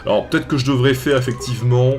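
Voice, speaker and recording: Young man, let's play commentary, casual, rambling, hesitant restarts, mid-pitched voice. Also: fast, music in the background.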